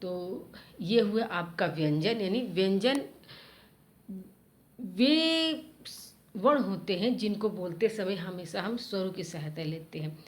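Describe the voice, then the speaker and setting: A school teacher gives children a grammar lesson, patiently spelling out letter sounds one at a time as she explains. Her voice is mid-range and slow.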